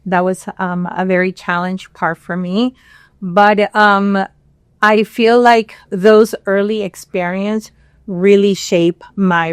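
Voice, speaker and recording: Peru-born woman podcast guest, mid pitch, unhurried, dry close mic. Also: smooth, dry recording. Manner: measured, with frequent pauses and fillers. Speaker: podcast guest, regional director. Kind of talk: interview conversation.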